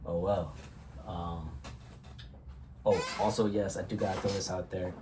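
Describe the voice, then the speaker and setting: A young man with a deep, low voice talks loosely to his camera, stuffed up and congested from a cold. He rambles, drops fillers and casual swears, and a faint hum of room ambience sits behind him. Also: steady tone, a little slow. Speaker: vlogger.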